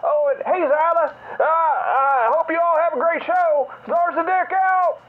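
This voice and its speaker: A man's voice: very high-pitched, measured pace. A man voicing a cackling male space alien prankster, heard over a phone voicemail, taunting and breathless. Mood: gleeful taunting. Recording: muffled voicemail phone line with loud hiss.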